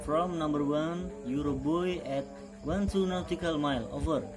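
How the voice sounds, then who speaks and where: A man's voice: fairly high pitch, moderate pace, over music, lightly acted. A man playing a ship's officer in a marine radio demonstration, with formal, clipped call-sign phrases. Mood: formal, procedural.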